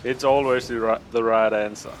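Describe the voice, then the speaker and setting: A man's voice: mid-range voice, steady tone, normal speed, a little hiss or hum. A young man chatting casually while gaming with friends, dropping dry wisecracks.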